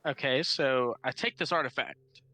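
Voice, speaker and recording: A man's voice: mid-range voice, normal speed, sharp tone. A man playing a tabletop role-playing game, improvising casually and thinking aloud in a hesitant way. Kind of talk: casual in-character improvised chat. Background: music.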